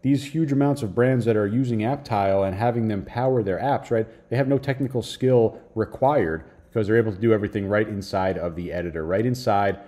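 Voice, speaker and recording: A young adult man walking viewers through a software tutorial in an upbeat way, often tagging his sentences with "right?". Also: on the low side, a little fast, hardly any pauses. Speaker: online business course creator. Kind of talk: screen-share software tutorial.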